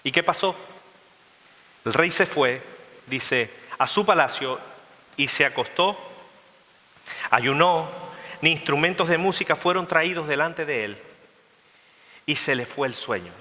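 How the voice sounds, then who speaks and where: Man preaching, bright forceful voice, fairly high pitch, lively storytelling, rhetorical questions, long church hall reverb. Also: a little slow, long pauses. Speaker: pastor. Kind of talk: sermon. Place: church sanctuary.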